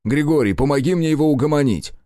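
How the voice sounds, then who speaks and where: A man's voice: on the high side, lively intonation, fast, mellow, no room sound, clean studio sound, voice pushed up, lightly acted. A man voicing an anxious young friend who pleads urgently for peace. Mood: alarmed.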